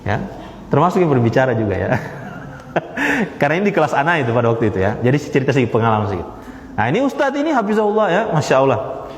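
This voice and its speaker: A man teaching a religious study class to listeners in the room, lively and repeating his key phrases. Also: medium pitch, fast, echoey room, long reverb tail, slight background noise. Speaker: Islamic teacher. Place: study gathering with listeners present.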